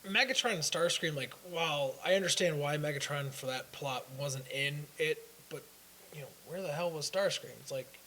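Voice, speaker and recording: Young man, slightly high voice, rambling, casual fan chat, faint hiss. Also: moderate pace, bright, forceful tone, low-quality recording. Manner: rambling, hesitant with fillers and restarts. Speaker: co-host.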